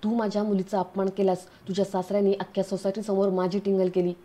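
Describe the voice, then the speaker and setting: A woman's voice: mid-range voice, flat delivery, quick pace, warm tone, close to an everyday voice. A woman voicing an angry, resentful older neighbor who speaks in accusing tones.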